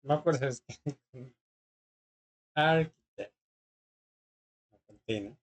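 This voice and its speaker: Slow-paced teacher, patient, classroom grammar lesson, checks understanding often. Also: mid-range voice, husky. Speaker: English teacher.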